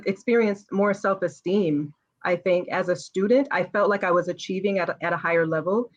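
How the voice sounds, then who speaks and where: Woman interview guest, fairly low voice, measured and reflective, dull lo-fi remote audio. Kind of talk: casual interview chat.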